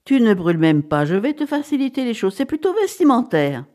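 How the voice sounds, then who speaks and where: A woman reading the part of a cheerful, self-satisfied middle-aged dentist who teases his wife, with a lively voice. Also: fairly high pitch, fairly quick, pitched above the performer's own voice. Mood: teasing.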